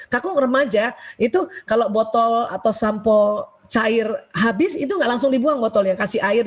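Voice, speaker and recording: A woman's voice: fairly high pitch, darkish tone, breathy edge. A middle-aged woman doctor giving a webinar lecture on children's temperaments in a chatty way, laughing often and asking the audience questions.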